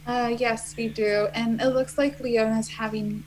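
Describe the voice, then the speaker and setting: A woman's voice: a little high, level tone, unhurried, darkish tone, poor audio. A woman reading viewer comments aloud on a live panel, hesitant and filling gaps with ums. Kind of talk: casual chat.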